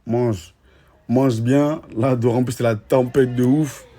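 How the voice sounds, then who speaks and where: A man's voice: medium pitch, steady tone, measured pace, warm tone. A man with a Marseille French accent, talking in casual slangy chat and teasing a friend with mock warnings. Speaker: vlogger.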